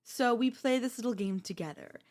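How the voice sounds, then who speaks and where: Playing a girlfriend in an ASMR audio role-play, a woman with a slightly high voice speaks fairly quickly. Her delivery is calm yet sharp, carrying a quiet possessiveness.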